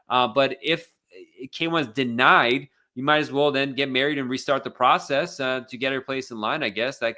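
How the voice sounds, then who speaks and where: This American immigration attorney has a sharp tone and a mid-range voice. In a casual live Q&A, he reads out questions from viewers and gives blunt answers, full of fillers and false starts.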